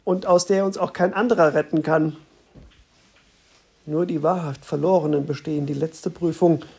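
A narrator voicing a calm, patient man who explains things steadily, in an audiobook reading. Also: mid-range voice, normal speed, vocal fry, slightly rough. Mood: grave.

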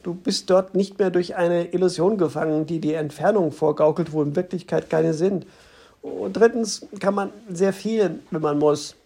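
A narrator voicing a calm, husky male guide. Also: mid-range voice, moderate pace. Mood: grave. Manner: calm, explaining. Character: calm knowing man, patient guide. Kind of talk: audiobook reading.

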